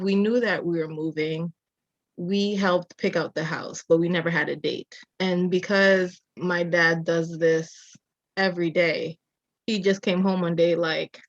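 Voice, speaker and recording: A woman in her thirties, an architecture designer born in Jamaica and raised in Massachusetts, tells her story as a guest in a casual interview, reflective and laughing often. Her lowish voice comes through a muffled recording with no room sound.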